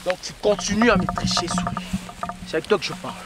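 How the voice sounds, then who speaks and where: A man's voice: high voice, animated, fast, heavy background noise. Brief: jealous young boyfriend, Congolese French accent, commanding and pleading in a raised voice, played by a man. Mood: threatening. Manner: commanding, then pleading and shouting. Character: jealous young man confronting his pregnant girlfriend.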